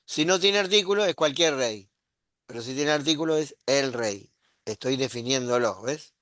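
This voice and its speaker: A man's voice: medium pitch, animated, moderate pace, fairly bright tone, no room sound, studio quality. A middle-aged man, teaching a Hebrew grammar lesson and often checking in with his students. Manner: patient, explaining step by step with frequent "¿sí?" and "¿ves?" checks.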